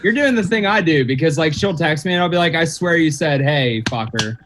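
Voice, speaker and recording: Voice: medium pitch, expressive, fairly quick, fairly bright tone, slight background noise. A speaker in a casual chat, throwing in jokes and quips.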